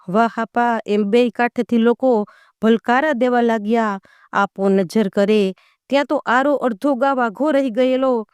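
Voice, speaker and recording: Clear-voiced woman telling a folk tale. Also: a little high, no room sound. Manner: slows and lingers on dramatic lines. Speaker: storyteller. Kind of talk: dramatic folk tale narration.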